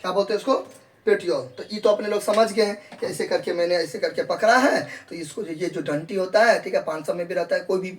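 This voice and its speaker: High-voiced man teaching biology. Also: fairly even intonation, fast, hardly any pauses. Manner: repetitive, asks and answers his own questions; calls students "babu log" in a coaxing tone. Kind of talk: classroom lecture to students.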